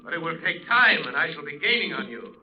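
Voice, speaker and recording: The Shadow, high, swooping, mocking avenger. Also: male voice, sing-song, brisk, faint music behind. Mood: mocking menace. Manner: taunting, menacing, theatrical. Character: The Shadow, mysterious male avenger, mocking, relentless. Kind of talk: 1930s-40s radio drama acting. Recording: muffled, noisy old radio recording.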